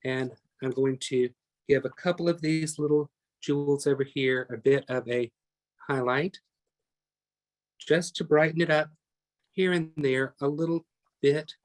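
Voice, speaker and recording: A man's voice: a little high, fairly even intonation, unhurried, pauses often. A man teaching a live online painting class, chatty and talking through each step as he works, often correcting himself mid-sentence. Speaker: painting instructor.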